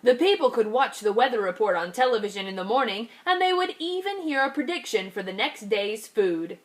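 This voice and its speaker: Lively woman reading a picture book to kids. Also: a little high, fairly quick. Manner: lively, expressive reading to young children. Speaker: kindergarten teacher. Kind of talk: read-aloud storytelling for children.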